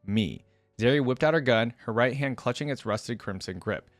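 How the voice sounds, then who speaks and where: A reaction-channel host reads a story aloud at a brisk clip, his medium-pitched voice emphatic as he tosses in casual commentary along the way. The recording is dry.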